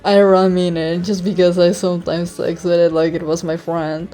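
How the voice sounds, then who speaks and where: Young adult woman, Czech accent, mellow slightly low voice, slow shy vlog rambling, kept quiet. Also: little pitch movement, faint music behind. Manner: awkward, self-conscious, giggly, apologetic; keeping voice hushed so as not to be heard in the house. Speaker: online video creator. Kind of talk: casual rambling vlog chat.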